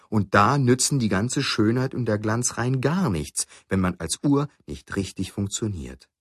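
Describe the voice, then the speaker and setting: A man reading a children's story aloud with a very deep voice. His delivery moves a lot in pitch to bring the tale to life. It has a slightly husky edge and sounds dry and close. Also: no echo. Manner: expressive, storytelling. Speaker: narrator. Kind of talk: scripted storybook narration.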